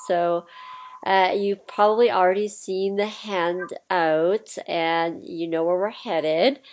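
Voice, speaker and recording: Low-voiced woman with a scratchy cold voice. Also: fairly even intonation, takes it slowly. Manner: chatty, practical, with fillers and throat clearing. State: getting over a cold, scratchy voice. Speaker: mentor. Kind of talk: recorded mentorship session.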